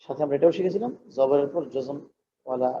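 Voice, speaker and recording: An imam with a mellow voice on the high side teaches Quran recitation at a slightly fast speaking pace. He explains patiently and chants the verses long and drawn out in this slow recitation lesson, heard through a dull lo-fi recording with faint noise.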